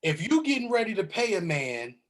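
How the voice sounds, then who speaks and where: A man's voice: high voice, very animated, fairly quick, fairly bright tone. A man on a sports talk panel, confidently breaking down draft picks.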